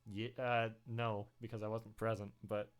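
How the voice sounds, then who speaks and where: A man's voice: fairly low pitch, level tone, moderate pace. A man chatting casually as he hosts a gaming stream and reads viewer comments. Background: game music.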